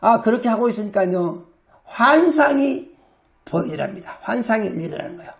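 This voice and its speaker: A pastor giving an emphatic healing sermon, acting out quoted commands with shouts. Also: medium pitch, animated, moderate pace, vocal fry.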